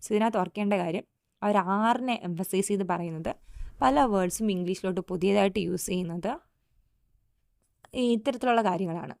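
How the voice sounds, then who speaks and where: A woman teacher with a Malayali accent giving a lecture in Malayalam and English. She slows down to read out English definitions. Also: medium pitch, vocal fry, a little mellow, no room sound, clean studio sound.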